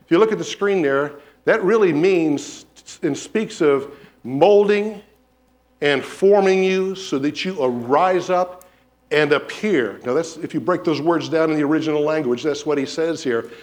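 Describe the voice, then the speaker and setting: In a church sanctuary, a pastor with a fairly high voice preaches at an unhurried pace. He's an animated storyteller, weaving tales into his sermon and acting out what people said.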